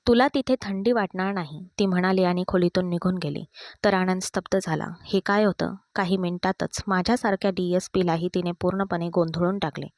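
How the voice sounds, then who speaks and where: A woman narrating a storybook tale in an even, steady reading. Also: lowish voice, brisk, dry recording, studio quality.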